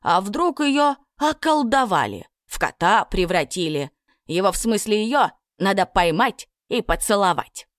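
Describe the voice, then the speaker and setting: A woman's voice: medium pitch, sing-song, a little slow, no room sound, clean studio sound. A woman voicing a timid, fussy invisible household spirit who argues earnestly. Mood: fretful.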